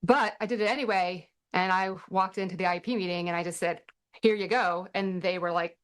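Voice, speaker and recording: In a quick, clear, resonant voice on the low side, a middle-aged woman answers questions at her parenting workshop with fairly even intonation. As host and parent advocate, she keeps this casual Q&A chatty and laced with dry sarcasm.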